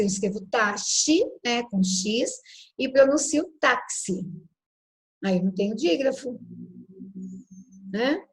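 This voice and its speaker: A woman's voice: fairly high pitch, low-quality recording. Didactic woman teacher. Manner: patient and didactic, constant tag questions, spells out letters slowly. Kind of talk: classroom lecture on phonology.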